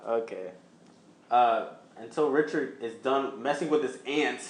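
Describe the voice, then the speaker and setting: A man's voice: medium pitch, slow pace, noisy background. Teasing young man hosting a podcast. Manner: joking, teasing, bursts of loud mock outrage. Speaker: podcast host. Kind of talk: casual chat. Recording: roomy room echo.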